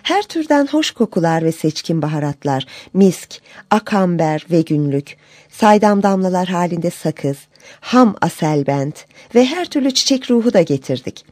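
Expressive woman narrating a folk tale. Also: on the low side, no echo. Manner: measured and expressive. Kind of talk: storybook narration.

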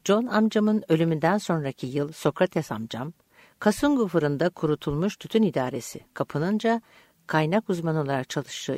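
Calm woman narrating an audiobook. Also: sits low, no room sound, studio quality. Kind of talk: scripted narration.

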